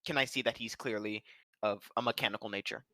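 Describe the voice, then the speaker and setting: A man's voice: on the low side, steady tone, quick pace, bright, forceful tone, no room sound. A man playing a tabletop game, laid-back with short, easy replies. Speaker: player. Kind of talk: casual tabletop play.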